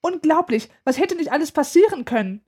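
A woman doing a shrill, fretting mother. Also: fast talker, darkish tone, close to an everyday voice. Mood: agitated. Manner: shrill, upset, fussing. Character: worried, agitated adult mother. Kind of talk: audiobook reading.

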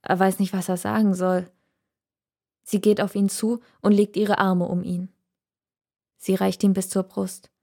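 Woman narrator, slow and measured, for a literary audiobook. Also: medium pitch, vocal fry. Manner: calm, measured reading.

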